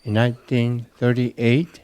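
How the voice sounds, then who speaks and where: A man in his eighties from Peru, introducing himself slowly and clearly in an oral history interview. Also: mid-range voice, completely flat delivery, warm tone. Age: 80s. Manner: slow, clear self-introduction.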